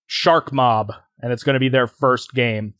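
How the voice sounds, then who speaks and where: A man's voice: medium pitch, fairly even intonation, measured pace, a bit bright, dry recording. Male podcast co-host, mid-range voice, rambling casual delivery, dry close sound. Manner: rambling, hesitant, many fillers and restarts.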